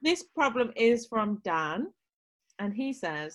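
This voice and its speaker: Woman, advice podcast co-host, easy chatty delivery, quick to laugh. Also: on the high side, very animated. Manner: chatty, laughs often, reads listener letters. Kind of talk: casual chat.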